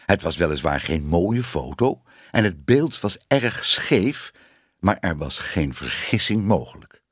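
A man reading a children's story aloud with an expressive storytelling voice. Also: low-pitched, unhurried, breathy edge, no echo, studio quality. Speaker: narrator.

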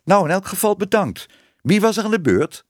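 A man voicing a flustered, excitable baker's wife who talks breathlessly. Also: sits high, normal speed, no echo, studio quality, voice pushed up.

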